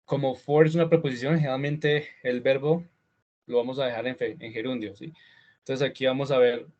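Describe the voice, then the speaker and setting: A man leads a pronunciation lesson over a video call, speaking in a relaxed, chatty way. When he models a word, he slows right down and says it several times over. His voice sits at an ordinary middle pitch, and the call audio is slightly muffled. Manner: switches to slow, drawn-out model words and repeats them; relaxed, chatty teaching with fillers and small laughs. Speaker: English teacher. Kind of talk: online class on pronunciation. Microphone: computer mic on a video call.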